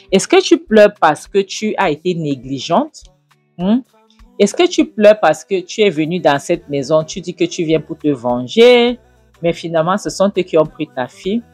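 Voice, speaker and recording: A woman's voice: on the low side, no room sound. A woman voicing a scornful middle-aged mother who hectors and taunts her daughter. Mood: scolding. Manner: taunting, hectoring, rising to loud jabs.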